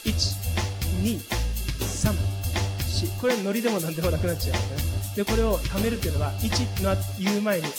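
A man teaching a singing lesson, explaining gently and counting beats aloud in a husky voice. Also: high-pitched, a little fast, big-room sound, over loud music. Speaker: music teacher.

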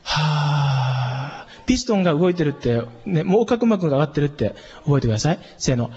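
Male voice coach, breathy and fairly high, calm instructive delivery, dull lo-fi recording. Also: fast. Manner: calm, instructive, demonstrates relaxed breathy exhalations. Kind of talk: spoken vocal training lesson with demonstrations. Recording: long reverb, dull lo-fi sound.

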